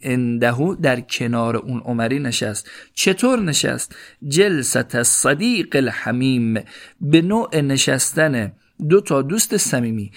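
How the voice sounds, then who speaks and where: A man teaching Arabic grammar, reading each phrase slowly and then explaining it in quick, casual speech. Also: on the high side, creaky. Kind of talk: line-by-line Arabic text parsing lesson in Persian.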